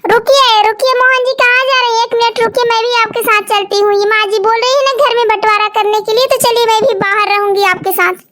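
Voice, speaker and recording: A woman's voice: extremely high pitch, steady tone, fast, hardly any pauses, a bit bright. A woman doing a fed-up, defiant young wife. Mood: urgent. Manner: complaining, defiant. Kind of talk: cartoon story voice acting.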